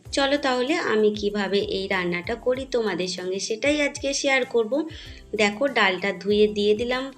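A middle-aged woman talks through her home vlog in a chatty, friendly way, speaking to her viewers as if they were friends. Her voice sits at an ordinary pitch for a woman. Soft music plays quietly underneath. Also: brisk. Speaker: home vlogger. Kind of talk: home cooking and garden vlog narration.

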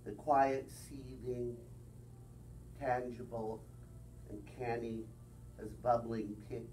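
Middle-aged male poet, unhurried wry reading at a bookstore open mic, heard from across the room. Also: medium pitch, fairly even intonation, a little mellow, soft background music. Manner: slow, deliberate reading with wry asides. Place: bookstore room with small audience. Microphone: far camera. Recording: distant, faint room noise.

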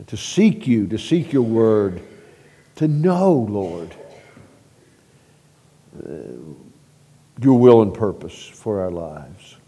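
Guy praying slow at a pulpit mic, mellow voice, long church echo. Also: fairly low pitch, animated, breathy edge. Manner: halting with repeated words, swelling louder in prayer. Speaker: pastor leading prayer. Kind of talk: spoken church prayer and announcements. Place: church sanctuary. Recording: long reverb of a church sanctuary.

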